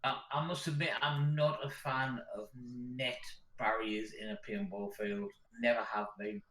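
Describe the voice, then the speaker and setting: A man's voice: mid-range voice, fairly even intonation, a little slow, a bit bright, roomy sound, poor audio. A man co-hosting a casual livestream chat, wry and teasing.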